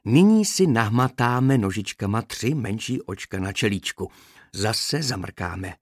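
A man voicing Boženka, a patient female nurse bee who trains the young bees, speaking in a gentle, coaxing, instructive way. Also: on the low side, expressive, no room sound, clean studio sound.

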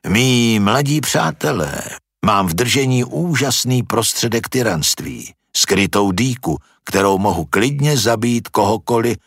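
Patient old philosopher, read by a man, husky and low, probing questions in a storybook. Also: animated, no echo, clean studio sound. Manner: questioning, reasoning.

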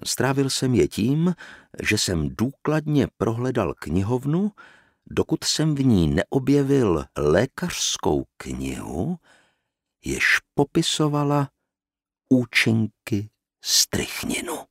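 A man narrating a novel in the first person, in a measured, expressive reading voice. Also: medium pitch, no room sound, clean studio sound. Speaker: audiobook narrator.

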